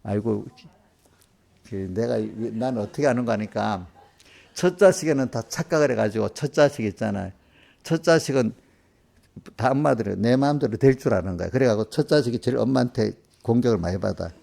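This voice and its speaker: A middle-aged man preaches at a church service. He has a gravelly voice at an ordinary pitch. He talks in a folksy, chatty way and keeps turning to his congregation for agreement. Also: expressive, a little fast, mellow. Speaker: pastor. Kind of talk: conversational sermon.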